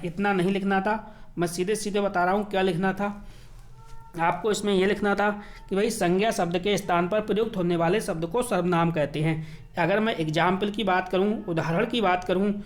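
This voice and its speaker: A man who teaches by walking through an exam paper, slowly repeating key words and asking and answering his own questions. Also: high-pitched.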